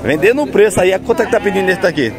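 Guy filming at a goat market, high voice, chatty upbeat, busy crowd all around. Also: expressive, rapid-fire. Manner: chatty, upbeat, asks prices and repeats them. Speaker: vlogger touring a livestock market. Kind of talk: casual walk-around vlog with interviews. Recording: loud market crowd behind.

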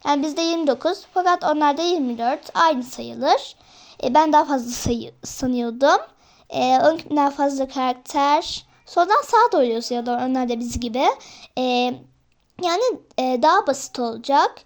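Young woman with a high voice, chatty and a bit hesitant, talking to her viewers like friends in a home tutorial. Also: lively intonation, moderate pace. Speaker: vlogger teaching herself Korean. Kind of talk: casual tutorial vlog.

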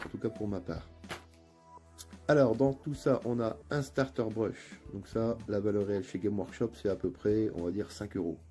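A man with a northern French accent hosts his own channel, narrating a casual unboxing in a chatty, relaxed way with lots of hesitations. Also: lowish voice. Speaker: channel host. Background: faint background music.

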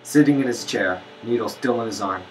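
A man with a mid-range, natural voice plays a haunted, poor young father delivering his bitter confession as a first-person dramatic monologue over music. He speaks fairly quickly in a bleak, bitter mood, with slight background noise.

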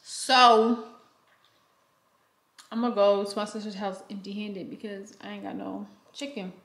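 Chatty woman vlogging, bright echoey sound. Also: mid-range voice, level tone, a little slow. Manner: chatty, laughing, slangy and dramatic. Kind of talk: casual vlog chat. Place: at home, indoors.

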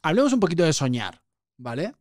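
A man's voice: on the high side, sing-song, a little fast, dry recording, clean studio sound. A man with a Spanish accent from Spain, hosting a podcast interview and telling stories in a joking manner. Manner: jokey storyteller, laughs often. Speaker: podcast host. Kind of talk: casual interview chat.

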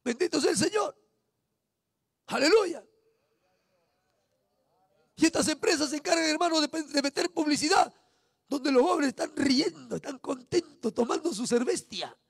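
A man with a Peruvian Spanish accent preaching a fiery evangelistic sermon, shouting and breaking in with praise exclamations over and over. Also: very high-pitched, animated, normal speed, vocal fry, long pauses, no room sound, clean studio sound. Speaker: street preacher.

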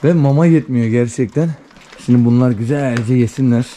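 A man doing casual vlog commentary, talking excitedly to puppies as he feeds them. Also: medium pitch, normal speed, slight background noise. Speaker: vlogger.

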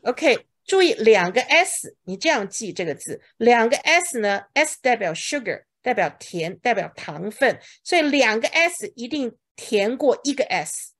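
Husky-voiced woman teaching vocabulary. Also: fairly high pitch, sing-song, fairly bright tone. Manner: drills words slowly, asks questions, says OK a lot. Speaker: English teacher. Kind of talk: bilingual vocabulary lesson to a class.

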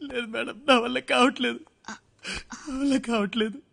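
A man playing a heartbroken orphan lover, high voice, bright, crying, repeating words, film drama. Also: animated, a little fast, heavily acted. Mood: anguished. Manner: anguished, ranting, repeats words obsessively. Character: jilted young orphan man, raging and weeping. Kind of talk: Telugu film drama acting.

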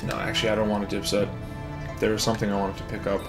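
A man's voice: on the low side, monotone, racing, music in the background. A man giving casual gameplay commentary, thinking aloud and rambling with fillers. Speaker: let's play host.

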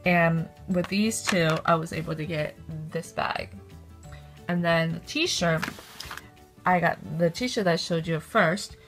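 Holding her phone at arm's length in her bedroom, a young vlogger records a casual haul video close to the camera. She is chatty and upbeat, saying "um" often, and speaks slowly in a voice on the low side while faint music plays behind her.

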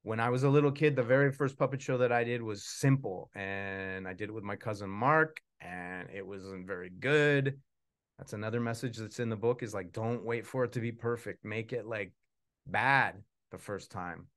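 Speaking at normal speed in a lowish voice, this man in his forties is a puppeteer and author at a live book launch. He rambles casually and self-deprecatingly from a small indoor room that holds a puppet stage.

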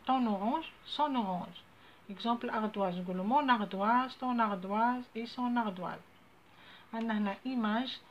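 An Algerian primary school teacher with a slightly high voice gives a classroom lesson on French grammar. She dictates French words slowly and deliberately, then shifts into fast explanations in Arabic. The lo-fi audio sounds dull, with faint ambient noise.

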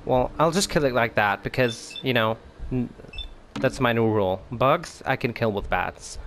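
A man's voice: mid-range voice, normal speed, noisy background. A man casually commenting on his video game play, chatty and swearing freely. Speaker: let's play gamer. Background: game music.

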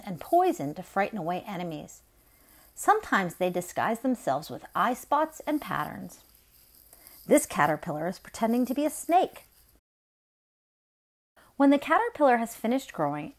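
A middle-aged woman hosting story time reads a children's nonfiction picture book aloud. Her medium-pitched voice is expressive and deliberate.

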